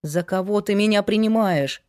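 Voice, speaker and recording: A woman's voice: mid-range voice, normal speed, darkish tone, close to an everyday voice. A woman voicing a young woman, a frank and resolute investigator, in an audiobook. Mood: hesitant.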